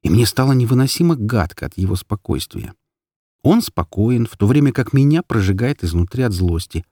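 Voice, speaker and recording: A man narrating an audiobook story in an expressive, dramatic way. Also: mid-range voice, brisk, no echo, clean studio sound.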